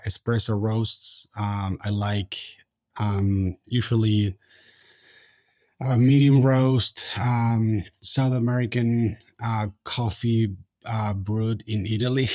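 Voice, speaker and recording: A man's voice: lowish voice, a little mellow, dry recording, clean studio sound. A man from Argentina with an Argentine accent, a tech founder answering interview questions in casual chat, hesitant and full of fillers and restarts. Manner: halting, many fillers and restarts.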